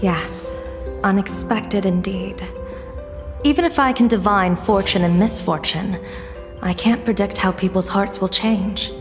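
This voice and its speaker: An actress playing a dignified, composed female general in a video game, measured and stately. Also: medium pitch, close to an everyday voice. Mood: impressed, thoughtful. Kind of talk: video game character acting. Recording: reverberant with faint music.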